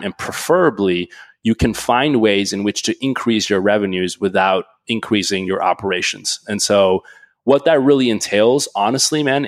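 A man from Switzerland, a guest entrepreneur on a podcast, talking in an animated, casual way full of fillers and restarts. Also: on the low side, dry recording. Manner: animated storytelling, frequent "like" and restarts.

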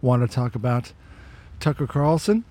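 Husky, mellow-voiced man on a podcast. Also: medium pitch, lively intonation, moderate pace. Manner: opinionated, conversational, repeats words when restarting. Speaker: podcast host. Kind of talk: casual walk-and-talk podcast monologue. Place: outdoors on a walk.

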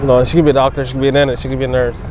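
A young man chats casually as a podcast co-host, blunt and profane, leaning on slang. His voice sits at an average male pitch. The recording is dull and muffled, with clear noise behind him. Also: completely flat delivery, racing. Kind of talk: casual chat, slangy banter. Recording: muffled, clearly noisy outdoor traffic background.

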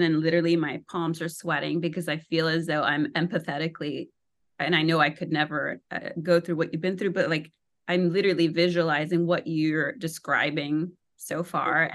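A woman's voice: low voice, a bit bright. A woman hosting a podcast, asking long winding questions. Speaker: podcast host. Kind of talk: empathetic interview questions.

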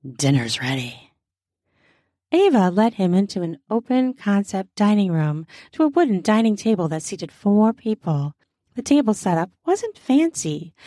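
Podcast host, female, playful chatty lead-in then steady story reading; mellow tone, dry close mic. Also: mid-range voice, dry recording. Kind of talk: erotica podcast narration.

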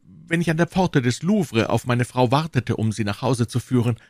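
A man's voice: lively intonation, moderate pace, a little mellow, no room sound, studio quality, close to an everyday voice. Bonacieux, a man doing a trembling shopkeeper. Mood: anxious, pleading. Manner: trembling, pleading, high-pitched. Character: timid frightened middle-aged male shopkeeper under interrogation. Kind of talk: audiobook reading.

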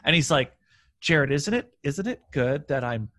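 A man talking casually as a podcast guest, rambling and animated, full of restarts. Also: fairly high pitch, measured pace. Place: room near a railway line.

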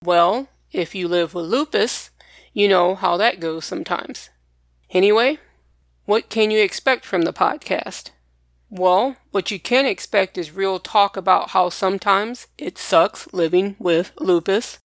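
A woman's voice: mid-range voice, unhurried, dry recording, clean studio sound. A woman hosting a personal podcast, speaking directly and plainly to listeners in a partly scripted talk. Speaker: podcast host.

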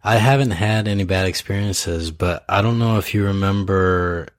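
Deep-voiced man, rambling casual chat. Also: moderate pace, music in the background. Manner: rambling storyteller, many fillers.

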